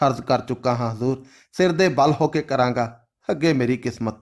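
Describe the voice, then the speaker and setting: A man's voice: mid-range voice, fairly quick, lightly acted. A man reading as a tearful pleading old man. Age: older. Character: frightened older man begging for mercy, tearful.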